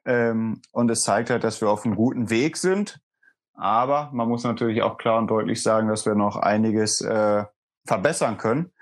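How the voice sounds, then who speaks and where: A man's voice: on the low side, moderate pace. A man hosting a sports podcast, chatting casually with lots of fillers as he interviews a guest. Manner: relaxed, chatty, frequent fillers.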